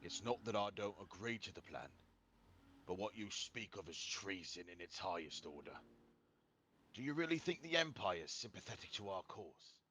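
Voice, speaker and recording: A wary male dissenter, acted by a man in a tabletop game scene. He argues earnestly in a bright, lowish voice, pressing his questions. There is faint noise behind him. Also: expressive, normal speed. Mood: alarmed, arguing. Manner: earnest, argumentative rhetorical questioning. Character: wary dissenting co-conspirator, alarmed by talk of treason.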